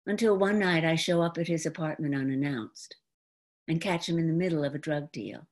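A deep-voiced woman near seventy, originally from New York, delivers a theatrical monologue about her own life. The performance is deliberate and expressive, staged indoors at home before a folding screen and recorded by a computer video call microphone.

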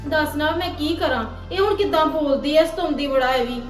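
A woman's voice: sits high, fairly quick, soft background music, natural voice. A young woman playing an exasperated mother scolding her daughter, in a family web drama. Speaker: mother of the girl. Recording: echoey room, from a distance.

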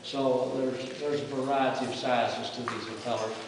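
A man's voice: medium pitch, fairly even intonation, moderate pace. Echoing cave guide, a folksy man. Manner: folksy, chatty, checks in with listeners. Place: inside a large cave chamber. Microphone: distant handheld camera in the tour group. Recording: echoing cave, distant mic, noisy.

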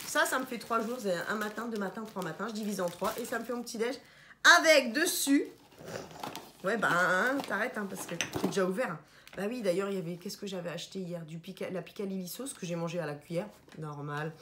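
A woman's voice: medium pitch, brisk, a little hiss or hum. Chatty French-speaking woman vlogger at home. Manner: chatty, animated, stumbling over English product words. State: tired. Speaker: vlogger showing a shopping haul. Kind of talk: casual haul vlog chat.

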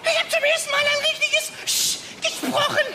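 Very high-voiced childlike penguin. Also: male voice, level tone, moderate pace. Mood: delighted. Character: melancholy, childlike male penguin in children's stage play. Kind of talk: children's theatre acting.

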